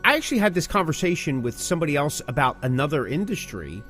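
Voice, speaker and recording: Very animated and fast, this co-host of a conversational music industry podcast has a fairly high, bright voice over soft background music. As a music interviewer, he fires off emphatic short phrases and rhetorical questions.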